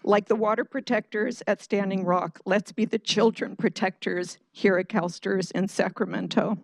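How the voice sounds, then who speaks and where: A woman reads her prepared public comment to a board in an earnest, pleading way. Her mid-pitched voice carries a gravelly edge. The sound is close and dry, with no room around it. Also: steady tone, normal speed, no room sound, rough recording. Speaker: public commenter, kindergarten teacher.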